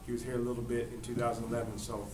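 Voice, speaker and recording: A young adult man, a football quarterback, answering postgame questions in a relaxed way with many fillers and restarts. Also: medium pitch, very fast. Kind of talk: postgame press conference answers. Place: press room in front of a sponsor backdrop. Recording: roomy, distant, noisy press room.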